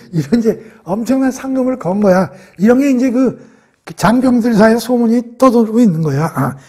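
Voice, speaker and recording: A man's voice: high voice, breathy edge. A man giving a Bible study lecture, telling the story vividly and asking questions that he answers himself. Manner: lively storytelling, acting out quoted lines; asks the audience questions and answers them himself. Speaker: Bible teacher.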